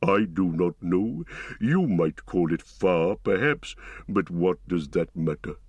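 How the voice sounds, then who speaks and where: Heavily acted and husky, a man's reading brings to life an ancient giant tree-shepherd in an audiobook. He is never hurried, musing and humming between thoughts, speaking with great slowness and a lively rising-and-falling pitch. Close and dry, the recording keeps every rumble near.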